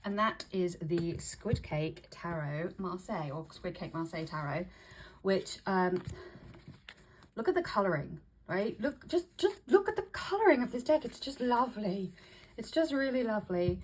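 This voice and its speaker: A woman vlogger chatting casually to camera, breathy and a little short of breath with hay fever, often restarting and repeating her phrases. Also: medium pitch, animated, normal speed, darkish tone, a little hiss or hum, poor audio. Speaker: vlogger showing tarot decks.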